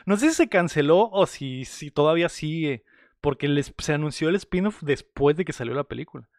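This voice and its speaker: A man's voice: fairly high pitch, animated, fairly quick, a little mellow, no echo, clean studio sound. A man with a Mexican accent, a podcast co-host who gives a slangy, joking recap of a film plot in casual chat. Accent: Mexican Spanish.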